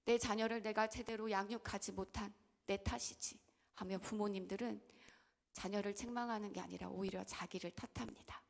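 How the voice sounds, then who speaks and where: A woman's voice: medium pitch, steady tone, normal speed, gravelly. Impassioned woman pastor preaching a sermon. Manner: impassioned, swings between loud outbursts and hushed whispers; asks the congregation questions directly. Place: church.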